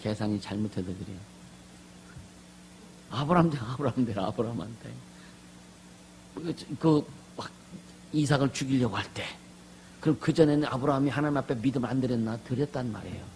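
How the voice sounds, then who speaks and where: A pastor with a gravelly, fry-edged voice preaches a lively sermon, drawing amens from the congregation. His voice moves from murmured asides to full shouts, and a faint hum sits under the recording. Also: medium pitch, a little fast, long pauses, low-quality recording. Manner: animated, asks the congregation for amens, swings from soft asides to loud shouts.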